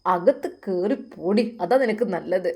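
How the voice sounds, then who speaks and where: A woman doing a gruff scolding father. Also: on the low side, measured pace, darkish tone, full character voice. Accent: Malappuram Malayalam. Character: stern angry father.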